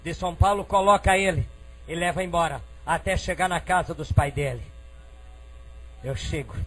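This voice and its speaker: Fervent Brazilian preacher, middle-aged man, high voice, shifts from hushed storytelling to shouting. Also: moderate pace, faint music behind, poor audio. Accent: Brazilian Portuguese. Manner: fervent, swinging from quiet storytelling to shouted praise. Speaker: preacher giving testimony. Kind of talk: emotional preaching testimony.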